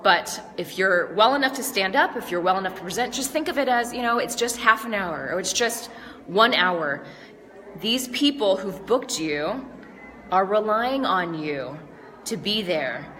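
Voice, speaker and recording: Congested female speaking coach, bright and upbeat, chatty, long hall reverb. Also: mid-range voice, lively intonation, unhurried, a little hiss or hum. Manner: upbeat, chatty, asks the viewer questions. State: congested from allergies. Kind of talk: casual tips vlog. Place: large stage venue.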